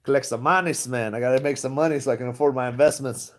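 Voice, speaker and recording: A man with a mid-range voice talks fast, rambling and laughing a lot as he casually chats with viewers on his stock-trading livestream.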